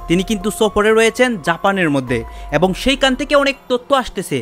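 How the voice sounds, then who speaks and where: Brisk high-voiced male news host. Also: sing-song, a bit bright, faint music behind. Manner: brisk, repeatedly addresses viewers. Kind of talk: online news introduction.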